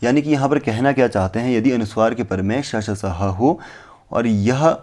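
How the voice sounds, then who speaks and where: A man teaching a lesson, explaining points step by step and asking himself questions before answering. He recites verses slowly and carefully. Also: mid-range voice, a little mellow. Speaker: Sanskrit teacher. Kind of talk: explanatory lecture on phonetics.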